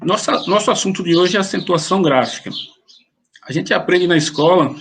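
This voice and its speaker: A man's voice: sits high, fairly quick, fairly bright tone, slight background noise. A man teaching an online grammar lesson, explaining in a plain way and often restarting his sentences.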